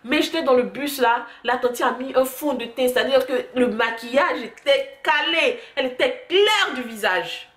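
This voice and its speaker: A young woman chats to her camera, telling stories with lively, animated asides. Her voice sits fairly high. The recording has a noticeable room echo. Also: moderate pace, few pauses. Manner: chatty storytelling, animated asides. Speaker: vlogger. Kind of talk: casual chat to camera. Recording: echoey room.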